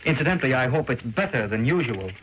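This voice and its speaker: A man's voice: medium pitch, expressive, fast, lightly acted. An actor playing a stern, dryly teasing male professor in the formal, stagey manner of an old 1920s movie, on a crackly, muffled film soundtrack. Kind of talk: stagey early-talkie 1920s movie acting.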